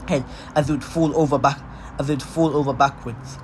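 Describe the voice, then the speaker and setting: A man's voice: on the high side, steady tone, brisk, background noise. A man casually narrating a fan-made story off the cuff, often restarting and repeating his phrases.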